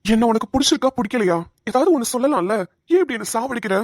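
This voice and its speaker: A woman's voice: a little high, animated, fast talker, a little mellow, no room sound, clean studio sound. A woman voicing an insistent young man in a cartoon, demanding an answer. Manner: pleading, then demanding. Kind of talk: cartoon voice acting.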